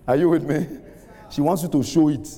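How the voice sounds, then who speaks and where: A middle-aged man preaching a sermon, using call-and-response, laughing often and rising to shouts. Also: fairly high pitch, a little fast. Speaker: pastor. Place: large church hall with congregation. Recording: reverberant hall, faint room ambience.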